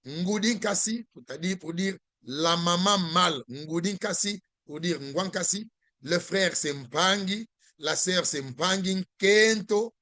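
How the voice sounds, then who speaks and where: A man teaching a language lesson over a video call, slowly and patiently repeating words for his learners. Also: high-pitched, pushed and bright, no echo.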